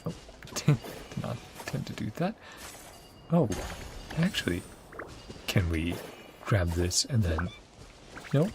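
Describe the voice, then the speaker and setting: A man streaming a game talks slowly in a lowish voice with big pitch swings, pausing often as he mutters to himself, thinks aloud, and sings syllables. Game music runs behind his voice, and the background is noisy.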